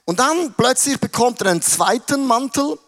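Slangy preacher. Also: male voice, very high voice, animated, moderate pace, fairly bright tone. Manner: casual, slangy, dramatic retelling. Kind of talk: sermon storytelling.

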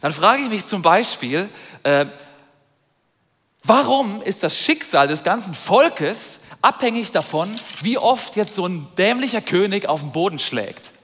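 Animated preacher in an echoing hall. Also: male voice, sits high, unhurried, husky. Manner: animated, retells scripture with vivid asides. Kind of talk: sermon storytelling. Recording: long reverb of a large hall.

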